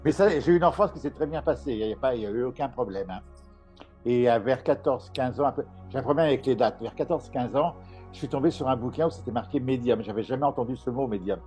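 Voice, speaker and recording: Chatting about his life in a relaxed interview, this middle-aged medium and author from Paris laughs a lot and frequently starts his sentences over. He talks fast at medium pitch with a warm tone, and soft music plays in the background.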